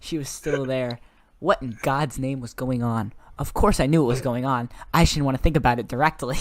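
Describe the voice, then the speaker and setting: A man's voice: mid-range voice, no room sound. A man reading his own story aloud, often breaking into giggles.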